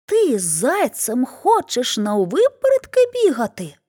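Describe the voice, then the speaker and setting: A woman voicing a sharp-tongued female hedgehog in a storybook, who answers in high, incredulous outbursts. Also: huge pitch swings, unhurried, full character voice.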